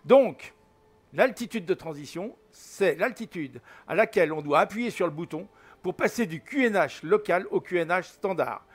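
A man's voice: high-pitched, animated, moderate pace, slightly rough. A man in his seventies giving a casual spoken flight-simulator tutorial, rambling with many fillers and restarts. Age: 70s. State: recovering from fever, slight headache. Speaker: flight sim tutorial host.

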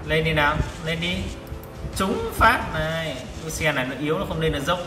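This tank game vlogger's voice sits on the high side and moves briskly. Playing live, he exclaims and repeats short phrases, recorded on a distant mic in an echoey room with loud game music.

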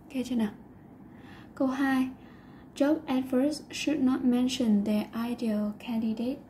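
Mellow-voiced woman teaching English. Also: high-pitched, a little slow, a little hiss or hum. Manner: explains patiently, mixing English words into Vietnamese. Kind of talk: online lesson explanation.

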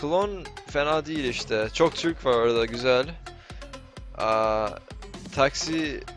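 A man chatting casually on a live game stream in halting, broken Turkish with foreign phrasing, slipping into English. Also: medium pitch, a bit bright, faint music behind. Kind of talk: casual live stream chat during gameplay.

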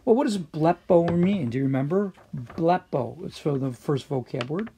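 A man's voice: fairly high pitch, expressive, a little fast, warm tone, slight background noise. A man teaching a recorded Greek lesson, patiently quizzing students and using frequent fillers.

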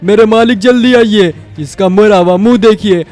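A man's voice: sits high, moderate pace, darkish tone, natural voice. A man voicing a gloating Hulk henchman in a game story, taunting and bullying.

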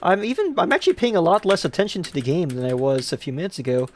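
Brief: rambling livestreamer narrating their own play, self-mocking, quick to curse at the game, faint game music behind. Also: mid-range voice, lively intonation, darkish tone. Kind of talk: live gameplay commentary.

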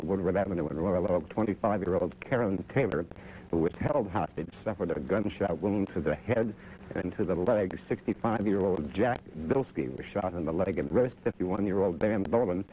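A man anchoring evening TV news in a measured, somber way, heard through a wobbly warped-tape warble. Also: low voice, mellow. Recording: warbly 1980s TV broadcast tape, dull, faint hiss.

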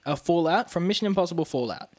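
A man's voice: on the high side, lively intonation, fast, darkish tone, no echo. Podcast co-host, male, loose casual chatter, dry close mic. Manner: chatty, laughs often, trails off with fillers. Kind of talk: casual chat.

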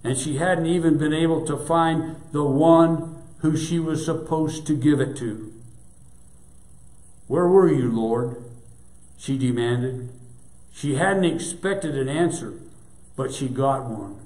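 A man preaching a sermon, telling a story in a measured, deliberate way in a church sanctuary. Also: fairly high pitch, a little mellow. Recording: echoey church room.

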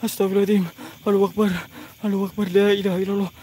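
A man with a very high voice for his sex and a Banyumas Javanese accent narrates a ghost-hunting vlog from an outdoor garden. He groans and pleads on and on, repeating his exclamations. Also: monotone, racing, mellow. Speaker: mystery vlogger. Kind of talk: comic ghost-hunting live commentary.

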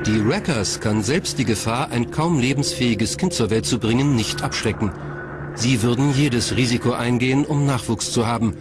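A man reads scripted documentary narration in a medium-pitched voice at normal speed, with music playing behind him.

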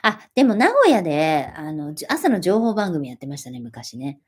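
A woman's voice: low voice, moderate pace, husky. A woman in her forties talks casually to her livestream audience. She reads out viewer comments and answers them in a friendly way, sometimes poking fun at herself. Her voice moves up and down a lot as she talks. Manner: animated, friendly, self-deprecating. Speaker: livestream host.

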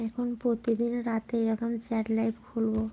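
Female streamer, quiet chatty delivery to viewers, flat even pitch, phone mic. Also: brisk, creaky. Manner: speaks softly so as not to wake sleeping family; chatty, reads and answers viewer comments. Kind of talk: casual late-night live chat.

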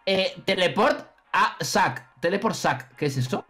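A young man with a Spain Spanish accent giving excitable, casual gameplay commentary. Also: sits high, a little slow. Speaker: gamer in a duo gameplay video.

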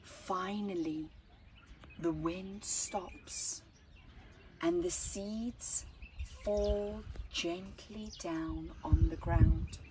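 A middle-aged woman reading a children's picture book aloud outdoors, phrasing deliberately with dramatic emphasis and hushed words. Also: lowish voice, steady tone, background noise. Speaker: storytime reader. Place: outdoors at a flower farm. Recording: outdoor ambience with birdsong.

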